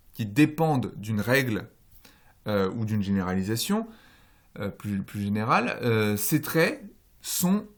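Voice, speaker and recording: Male lecturer, recorded course, methodical and patient, fills pauses with "euh", rephrases himself as he goes. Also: mid-range voice. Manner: explanatory, walks through slides and tables step by step; frequent "euh" fillers and self-corrections. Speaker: phonology lecturer.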